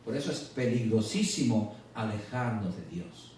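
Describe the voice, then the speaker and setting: A male preacher giving a sermon, slowing and rising in pitch to stress scripture, then dropping low. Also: animated, a little mellow, a little hiss or hum. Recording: echoey, distant church radio recording.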